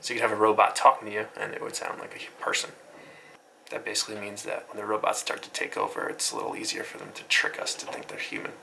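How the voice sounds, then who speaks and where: A gravelly, lowish-voiced man hosts a quick, very animated internet news recap. He's informal and offhand, swearing now and then through loosely scripted commentary, with light noise in the recording.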